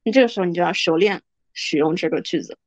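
A woman's voice: lowish voice, fast talker, no echo, dull audio. A young adult woman hosting a podcast, giving frank, chatty advice and acting out what other people say. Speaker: podcast host. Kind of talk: casual advice monologue.

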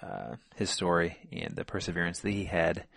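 A man co-hosting a sports podcast in casual chat, relaxed and full of fillers. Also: low-pitched, moderate pace, creaky, dry recording, clean studio sound. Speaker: podcast co-host.

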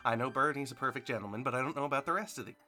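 A woman's voice: rumbling low, racing, bright, forceful tone. A woman game master voicing Charlie's strict mother, scolding and formal, with music playing in the background.

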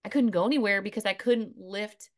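A woman's voice: mid-range voice, a little fast. A woman co-hosting a podcast, telling stories in a casual chat and laughing easily. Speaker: podcast co-host.

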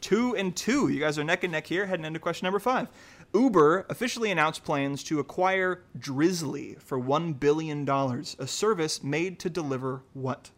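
A man hosting a casual news trivia quiz, upbeat and chatty, reading questions out slowly. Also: fairly high pitch. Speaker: quiz host.

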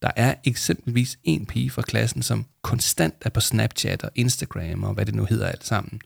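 A calm, kindly grown-up mentor speaking with patient warmth, as a male narrator voices him. The voice sits low and a little gravelly, close to the mic in a dry space. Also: dry recording, exaggerated voice. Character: calm kindly adult mentor, gently smiling.

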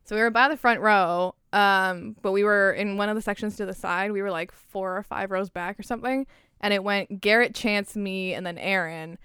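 Young woman from Canada, podcast co-host, excitable storyteller, crisp clean voice, dry close sound. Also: medium pitch, moderate pace, dry recording. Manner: excited, swears freely, laughs through stories. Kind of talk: casual chat.

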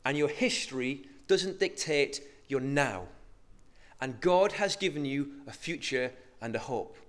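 A man preaching a sermon, moving between hushed, slow emphasis and loud, rising exhortation. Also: mid-range voice, lively intonation.

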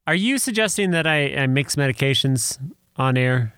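A man's voice: mid-range voice, expressive, normal speed, fairly bright tone, clear, resonant tone, no echo, clean studio sound. A man co-hosting a comedy podcast, rambling and laughing often as he banters. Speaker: podcast co-host.

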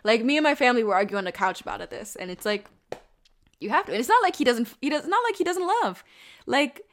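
A young woman talks through a show in a loose, rambling review, her voice sitting a little high. She gets animated, drops casual swears and slips into mocking voices for the characters. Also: fast.

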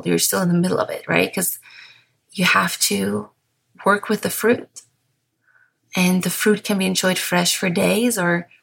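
Speaking English with a German accent, this Bavarian podcast host in her thirties delivers a calm, soft monologue without hurrying, making small restarts along the way. Her voice sits a little low and turns gravelly at phrase endings, and the recording is rough.

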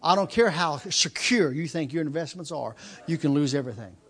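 A man in his fifties preaching a sermon, driving points home with repeated lines and quick restarts. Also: on the high side, expressive, fairly bright tone, slightly rough. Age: 50s. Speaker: pastor.

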